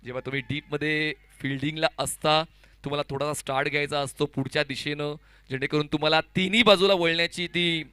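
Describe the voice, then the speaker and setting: A man gives analytical cricket commentary. His voice is bright and clear, with no room sound around it. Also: a little high, no room sound.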